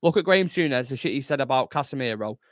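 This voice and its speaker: A man's voice: mid-range voice, animated, fast talker, fairly bright tone, no room sound, studio quality. A young man, hosting a live football watchalong, chatting casually, swearing freely and answering viewers. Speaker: fan channel host.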